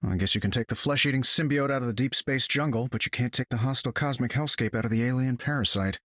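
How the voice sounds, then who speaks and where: A man's voice: medium pitch, fast talker, fairly bright tone, no room sound, studio quality, natural voice. A man voicing a confident, wisecracking inventor superhero in a video game, wry and casual. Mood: sardonic. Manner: wry, casual, self-assured. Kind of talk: video game character acting.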